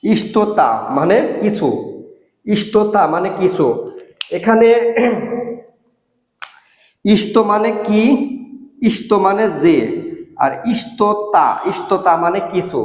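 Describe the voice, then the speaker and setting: A man teaching a language lesson, repeating each word and phrase slowly and asking and answering his own questions. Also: sits high. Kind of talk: explaining Russian grammar in Bengali. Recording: echoey room with long reverb.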